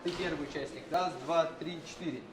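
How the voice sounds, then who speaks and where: A man hosting a game challenge in a casual, excited style. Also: fairly high pitch, a little fast, crowd noise. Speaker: host of a challenge show. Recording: echoey room with clear background noise.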